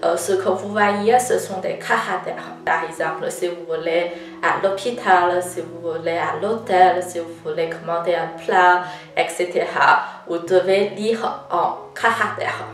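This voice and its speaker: A Chinese woman with a Chinese accent giving a patient language lesson, often pausing on "euh" as she explains. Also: fairly low pitch. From China. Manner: frequent hesitations with "euh", deliberate and patient. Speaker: Chinese teacher. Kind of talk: slow, careful language lesson. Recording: roomy, slightly distant mic with faint guitar music.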